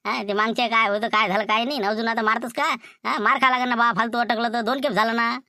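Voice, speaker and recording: In a comedy skit, a woman with a Varhadi Marathi accent plays a worried accomplice who keeps warning against the plan, speaking very rapidly and anxiously. Her voice is on the high side, bright and forceful with fairly even intonation, recorded cleanly in a studio with no echo.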